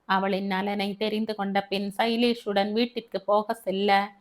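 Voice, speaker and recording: Slow-reading woman narrator. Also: medium pitch, level tone. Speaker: audiobook narrator. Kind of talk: scripted narration of a family novel.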